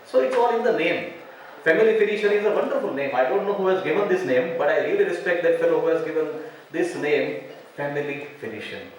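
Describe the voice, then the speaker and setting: A man's voice: fairly high pitch, lively intonation, quick pace, a little hiss or hum. A man with an Indian English accent, a surgeon giving a chatty, anecdotal talk to physicians at a medical conference. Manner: chatty, anecdotal, with frequent "you know" and "uh". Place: large conference hall. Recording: very echoey hall, voice from far off.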